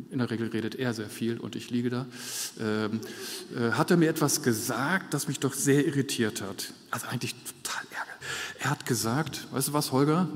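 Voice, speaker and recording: A male preacher delivers his sermon in an earnest, measured way, repeating key phrases to drive them home. His mid-pitched voice carries a long reverb tail from a large church hall.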